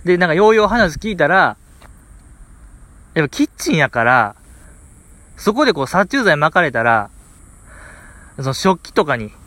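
A man with a Kansai accent tells a home story in an easy, chatty monologue, his voice rising and falling a lot and sitting a little high. He talks with comic exasperation and plenty of fillers. The sound is close and dry, with no room around it. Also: big pitch swings, normal speed, long pauses, sharp tone, dry recording. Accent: Kansai Japanese. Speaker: podcast host.

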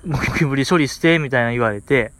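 A man's voice: medium pitch, fast talker, dry recording. A man with a Kansai accent hosting a podcast, telling a story in a casual monologue with comic exasperation. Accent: Kansai Japanese. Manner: animated, comic exasperation, lots of fillers. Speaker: podcast host.

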